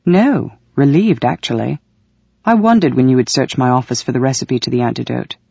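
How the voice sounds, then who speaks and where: Reader voicing a cool, scheming man in authority, calm and wry, mellow voice, audiobook. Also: mid-range voice, brisk, vocal fry, breathy edge, no room sound, dull audio. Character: cool, calculating male official, dryly amused. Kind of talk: audiobook reading.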